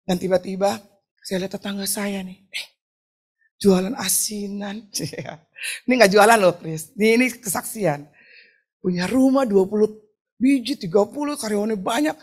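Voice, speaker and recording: A middle-aged woman pastor from Indonesia preaching a lively, joking sermon with a personal testimony, often asking the crowd to answer back. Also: mid-range voice, moderate pace, husky. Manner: chatty, joking, asks the crowd for replies; acts out quoted talk in shifting voices. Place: church hall.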